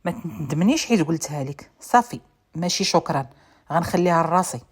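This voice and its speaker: A woman's voice: on the low side, animated, rapid-fire. A woman doing a tense young Moroccan heroine.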